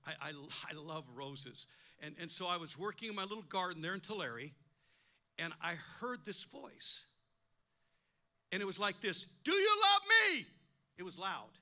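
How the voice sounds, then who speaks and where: A man's voice: sits high, lively intonation, moderate pace, sharp tone. An older man preaching a sermon as a pastor, telling a personal story with emphatic delivery, acting out the voices he quotes and often repeating words. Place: church.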